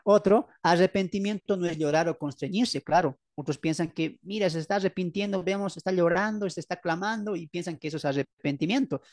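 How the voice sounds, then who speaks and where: A man's voice: sits high, fairly quick, hardly any pauses, darkish tone, dry recording, clean studio sound. A man preaching as a pastor, explaining his book's teachings, often asking the audience questions and repeating key phrases for emphasis. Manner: asks the audience rhetorical questions. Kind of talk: teaching sermon presenting his book.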